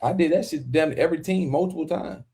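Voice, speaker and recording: A man in his forties, a former football player and podcast co-host, telling stories in animated casual chat with emphatic outbursts. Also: a little high, fast talker.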